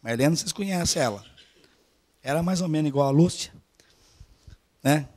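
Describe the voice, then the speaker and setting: High-voiced Brazilian male preacher. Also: moderate pace. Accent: Brazilian Portuguese. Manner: animated, swings from hushed asides to loud urging. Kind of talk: storytelling sermon. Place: church service.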